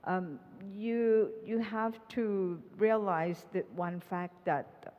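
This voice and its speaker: A woman's voice: mid-range voice, fairly even intonation, extremely slow. A woman from Thailand speaking on a panel, hesitant and repeating words as she searches for them. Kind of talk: panel discussion. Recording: muffled hall reverb.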